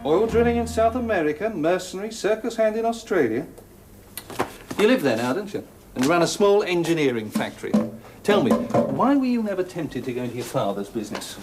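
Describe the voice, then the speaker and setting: A man's voice: high voice, big pitch swings, a little fast, over music. An actor playing a brusque male police inspector who needles a suspect during an interrogation. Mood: probing. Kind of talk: British television drama acting.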